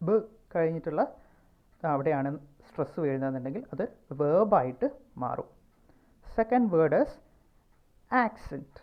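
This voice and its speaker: A woman with a Malayali accent teaches pronunciation at an unhurried, careful pace, her voice sitting on the lower side. She says words over and over to show where the stress falls. The recording sounds dull and lo-fi. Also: animated. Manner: slow and deliberate, repeating words to show stress. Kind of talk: pronunciation lesson.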